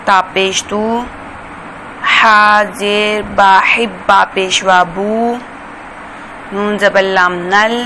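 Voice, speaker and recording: Female Quran reading teacher, careful and slow, flat steady delivery, noisy recording with vehicles passing. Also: mid-range voice. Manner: slow, careful spelling out of syllables.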